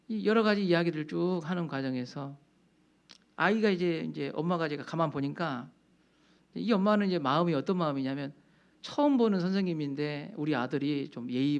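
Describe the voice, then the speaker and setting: A man's voice: fairly high pitch, muffled recording. A male pastor preaching a sermon, telling a counseling story in a conversational way and often stopping to affirm his own point.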